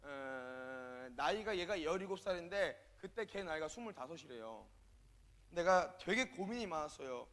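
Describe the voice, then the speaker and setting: A man preaching as a youth minister, telling a story with lively acted-out dialogue that swings between soft asides and loud bursts. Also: fairly high pitch, normal speed. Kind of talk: storytelling sermon.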